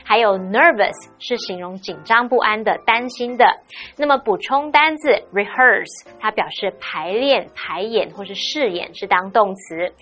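A woman's voice: medium pitch, expressive, normal speed, sharp tone, faint music behind. A woman explaining a lesson as a teacher, mixing English vocabulary into Mandarin.

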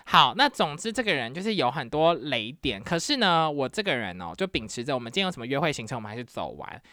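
A woman from Taiwan, hosting a podcast and telling her dating stories in a casual, animated, exclamatory way, with English words mixed in. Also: a bass voice, quick pace, no room sound, clean studio sound. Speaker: podcast host. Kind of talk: casual storytelling.

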